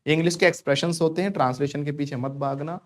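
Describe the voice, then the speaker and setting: A man's voice: fairly high pitch, fairly even intonation, fast. A man from India teaching spoken English to a class in Hindi, joking and pushing his students to repeat English phrases after him.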